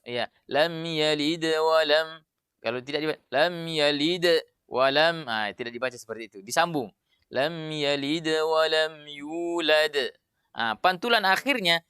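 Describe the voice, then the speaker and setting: A man teaching Quran recitation rules in a casual lesson, explaining with many fillers and then chanting verse examples slowly and drawn out. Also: fairly high pitch, sharp tone, smooth, dry recording, studio quality.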